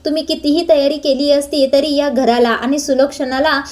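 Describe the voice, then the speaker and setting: A self-assured, scheming elder brother, read out by a woman narrator in a high voice, speaking smugly in a serial recap. The reading is plain and barely disguised, with a confident, scheming tone. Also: steady tone, normal speed, close to an everyday voice. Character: scheming elder brother, middle-aged man, smug.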